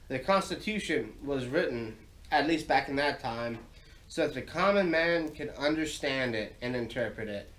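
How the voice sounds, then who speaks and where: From his home garage, an American man hosts a casual solo podcast in a medium-pitched, fairly bright voice. He's recovering from sinus surgery and has throat trouble, and his monologue is informal, folksy and rambling.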